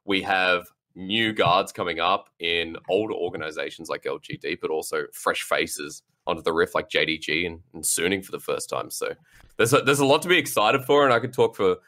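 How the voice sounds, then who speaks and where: A man with a low, deep voice that has a forceful, bright edge. He talks in casual panel chat as an esports analyst, rambling through long takes with lots of fillers and restarts. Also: moderate pace. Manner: rambling, filler-heavy, apologizes for ranting.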